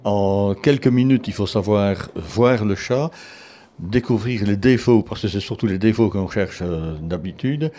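A man from Belgium, a cat show judge, answering interview questions in a measured, explanatory way with frequent restarts. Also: fairly low pitch, mellow.

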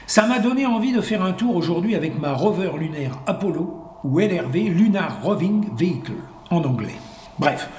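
A man's voice: high voice, a little mellow, roomy sound, a little hiss or hum. A man doing a grumpy moon-dwelling loner. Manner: repetitive, sweary, mock-serious. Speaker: narrator of a comic monologue. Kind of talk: scripted comic monologue.

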